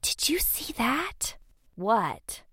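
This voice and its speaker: A worried teenage girl talks in a raised, lively voice that swings up and down as she frets about a curse. The sound is close and dry, with no room around it, as a male narrator puts her on. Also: extremely high pitch, a little slow, no echo, voice pushed up, heavily acted. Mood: anxious. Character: anxious teenage girls, high school friends.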